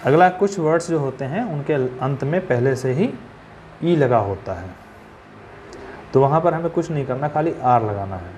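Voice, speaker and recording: A man's voice: mid-range voice, expressive, moderate pace, darkish tone, slight background noise. A man teaching a grammar lesson. He asks questions and answers them himself, and he spells words out letter by letter.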